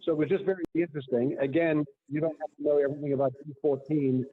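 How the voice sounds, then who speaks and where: A man's voice: fairly high pitch, steady tone, fast talker. A man calling in to give public comment at a city meeting, his call audio wobbling and warbling as he talks earnestly with many repeated words. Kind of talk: public comment on a budget item. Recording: tinny phone line.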